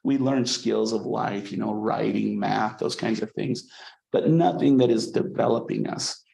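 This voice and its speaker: A man's voice: lowish voice, unhurried, vocal fry, mellow, roomy sound, rough recording. A man teaching a college psychology class in a conversational way, often checking in with the students by asking "okay?". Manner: conversational, frequent "okay?" checks, repeats words when restarting. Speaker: psychology instructor. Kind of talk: college lecture.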